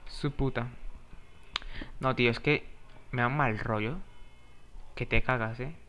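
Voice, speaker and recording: A man's voice: mid-range voice, steady tone, slow, a bit bright. A young man giving casual gameplay commentary, swearing often and breaking into jumpy outbursts while he chats to the monsters. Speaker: gamer.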